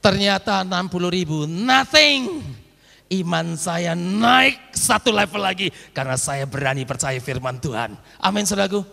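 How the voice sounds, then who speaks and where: A man pastor preaching a storytelling sermon in an animated way, acting out quotes with sudden shouts, in a church hall, on an old echoey recording. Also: on the high side, vocal fry.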